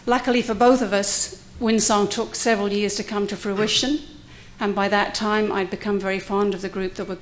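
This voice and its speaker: A middle-aged woman who lives in cohousing gives a prepared talk as a panelist at a university conference, speaking into a podium microphone in a lecture room. She's candid with touches of light humor. Her medium-pitched voice is level and moderately paced with few pauses, and the recording quality is low.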